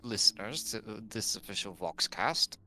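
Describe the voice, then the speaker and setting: Teasing man with bright, lively voice. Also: fairly low pitch, moderate pace. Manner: teasing, joking, mock outrage. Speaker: co-host friend on the stream. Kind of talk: casual chat.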